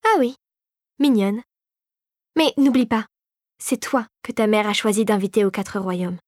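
A woman's voice: medium pitch, measured pace, no room sound, studio quality, natural voice. Woman reading a confiding fairy-tale regent. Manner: gentle and confiding. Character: warm conspiratorial adult female regent of a magic realm. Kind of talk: storybook reading.

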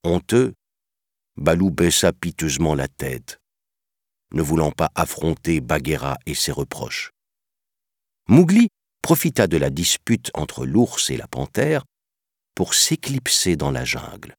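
A man narrating a children's storybook in a measured, expressive reading. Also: extremely low pitch, dry recording, clean studio sound.

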